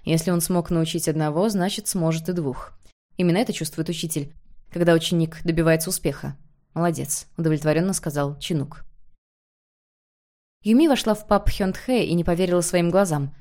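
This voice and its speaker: A woman reading a novel aloud as an audiobook narrator, in measured, even storytelling. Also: lowish voice. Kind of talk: scripted narration.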